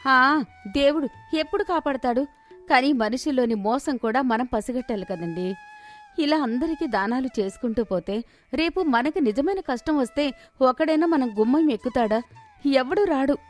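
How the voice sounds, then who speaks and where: A woman doing a sharp-tongued village housewife. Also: high-pitched, expressive, normal speed, faint music behind. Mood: worried. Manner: scolding, then loud theatrical wailing. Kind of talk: animated story voice acting.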